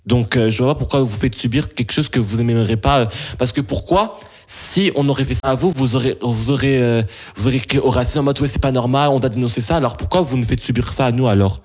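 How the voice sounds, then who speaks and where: A young man from Belgium answering interview questions, halting and full of restarts and fillers. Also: medium pitch, a little mellow.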